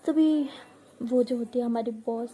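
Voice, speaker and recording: A woman's voice: fairly high pitch, a little slow, mellow. A woman narrating a first-person love story in a tender, intimate way, acting out the dialogue herself. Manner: tender, intimate, voices both partners in the story.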